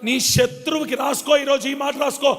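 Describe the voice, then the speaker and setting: A man preaching a Pentecostal sermon to a church congregation, repeating phrases and calling for responses, swinging between shouts and quiet, low passages. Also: normal speed, big-room sound, soft background music. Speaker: pastor. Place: church service.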